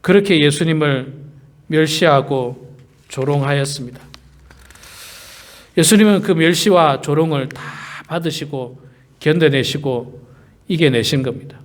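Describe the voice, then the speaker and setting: A man's voice: fairly high pitch, a little slow, long pauses. A male pastor preaching a sermon, stressing key words by repeating them and asking the congregation rhetorical questions.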